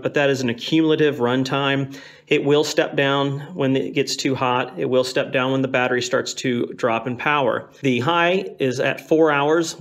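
A man talks through a flashlight review in a relaxed, matter-of-fact way. His pitch sits in an ordinary middle range, and his phrasing is folksy and practical, like a working tradesman showing his tools. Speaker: HVAC technician reviewing flashlights. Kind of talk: casual product review. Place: indoors at a table, earlier outdoors at night.

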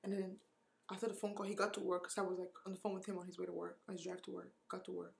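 A woman's voice: fairly low pitch, monotone, very fast, creaky. A woman in her twenties from Nigeria telling a candid storytime vlog about dating, emotional and close to tears, with lots of fillers and swearing. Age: 20s. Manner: candid, emotional, heavy use of "like" and cursing. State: tearful, close to crying. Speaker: vlogger.

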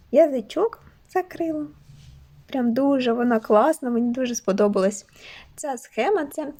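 Cheerful high-voiced ukrainian woman chatting about her crochet toys, soft mellow tone. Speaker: crochet toy maker vlogger. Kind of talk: casual show-and-tell chat.

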